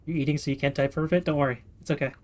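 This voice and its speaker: A man's voice: on the high side, fairly even intonation, rapid-fire, darkish tone. A man live-streaming in casual chat, upbeat and chatty, thanking viewers by name.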